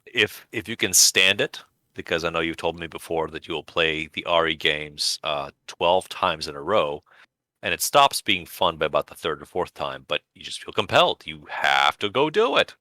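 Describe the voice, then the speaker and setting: A man's voice: deep voice, expressive, normal speed, bright, forceful tone, dry recording. A man co-hosting a podcast in casual chat, with dry, sardonic humor. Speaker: podcast co-host.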